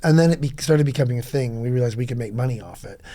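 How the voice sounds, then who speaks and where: A middle-aged man rambling through club memories in a casual podcast chat, full of quick asides. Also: mid-range voice, mellow. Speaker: club veteran guest.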